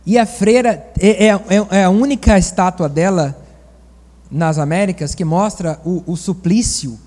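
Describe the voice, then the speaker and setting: A man from Bahia, preaching a sermon in a folksy, animated storytelling manner with asides to the congregation. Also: high-pitched, unhurried, long reverb tail. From Bahia, Brazil.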